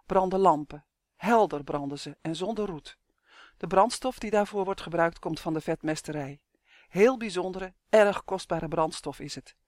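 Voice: mid-range voice, normal speed, no echo, clean studio sound, close to an everyday voice. The reader playing a stubborn, earnest boy hero. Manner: insistent, pleading emphasis. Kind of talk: audiobook character voice.

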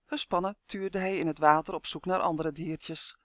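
A woman reading a children's storybook aloud with expressive, lively storytelling. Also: fairly low pitch, normal speed, no room sound, studio quality. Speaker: narrator.

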